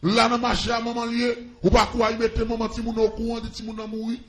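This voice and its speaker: High, gravelly Haitian preacher in an echoing church. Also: male voice, completely flat delivery, fast, a bit bright. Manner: impassioned preaching with call-outs to the congregation. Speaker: preacher giving a testimony. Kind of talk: preached testimony.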